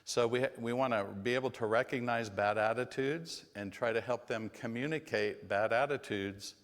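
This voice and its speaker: A man's voice: mid-range voice, normal speed, big-room sound. A man leading a parenting class at a church, speaking in a folksy, conversational way with plenty of fillers. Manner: folksy, acts out yelling parents. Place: church hall.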